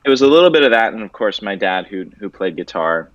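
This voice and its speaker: Young guy from venezuela, super low voice, laid-back joking chat, kinda muffled dry audio. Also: sing-song, fast. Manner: laid-back, loose and joking, with casual swearing. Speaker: guest artist. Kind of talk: casual interview chat.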